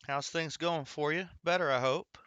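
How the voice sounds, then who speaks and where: Casual male streamer greeting viewers by name as he works, clear and smooth, dry close mic. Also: on the high side, normal speed, bright, forceful tone, no echo, highs cut off. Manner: chatty, talks to viewers by name while working. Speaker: coin roll hunting livestream host. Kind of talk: casual livestream chat while searching coin rolls.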